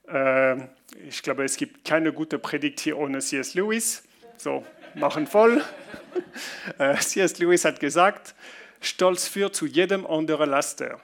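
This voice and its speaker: Guy preaching, kinda gravelly, a bit high, stops and restarts a lot. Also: a bit bright. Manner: halting non-native German with restarts, reads Bible passages slowly. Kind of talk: sermon.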